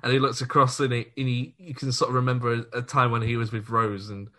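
A man's voice: mid-range voice, little pitch movement, fast, a bit bright. A man co-hosting a podcast, chatting casually and enthusiastically, laughing easily. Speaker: podcast co-host. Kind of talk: casual chat.

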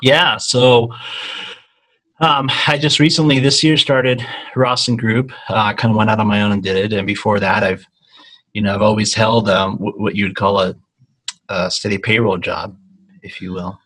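A man's voice: fairly low pitch, level tone, moderate pace, fairly bright tone, rough recording. A man from Argentina, a guest in an interview, talking casually with many ums and restarts. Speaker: guest, consulting company founder.

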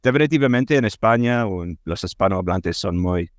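A Scottish man, a native English speaker, speaking conversational non-native Spanish in an interview, halting and repeating words as he searches for them. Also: lowish voice, expressive, dry recording, clean studio sound. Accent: Scottish accent in Spanish. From Scotland. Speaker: interview guest, language learner and former English teacher.

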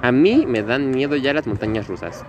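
A man with a Mexican accent co-hosting a podcast in casual chat, dramatic and quick to laugh. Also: mid-range voice, noisy background. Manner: animated, dramatic, acts out quoted voices, laughs often. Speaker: podcast co-host.

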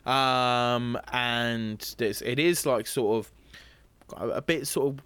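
A man in a casual podcast chat, musing wryly and at length, with plenty of hesitations. His voice sits at an ordinary pitch and is recorded close and dry, without room sound. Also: steady tone, slow, fairly bright tone, clean tone, no room sound. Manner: wry, rambling musings with many hesitations. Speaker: podcast co-host.

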